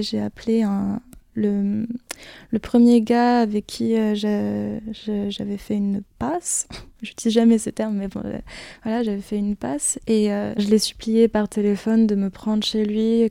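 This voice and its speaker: A woman in her twenties gives a candid personal testimony in an interview, her mid-range voice gravelly and dark-toned. She's hesitant, full of fillers and restarts, and the recording is dry with clean studio sound.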